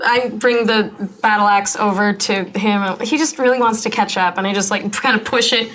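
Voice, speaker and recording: A woman's voice: medium pitch, fairly even intonation, moderate pace, a bit bright, slight background noise, rough recording. A woman playing a tabletop game, describing her character's actions in casual improvised talk.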